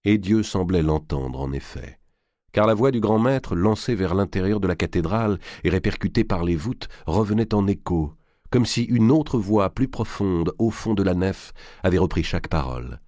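Expressive low-voiced male narrator. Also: normal speed, dry recording, studio quality. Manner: expressive storytelling. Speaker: audiobook narrator. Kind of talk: dramatic audiobook narration.

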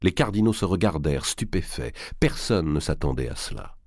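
A man giving a dramatic audiobook narration with expressive storytelling. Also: a bass voice, fairly quick, gravelly, no echo, studio quality.

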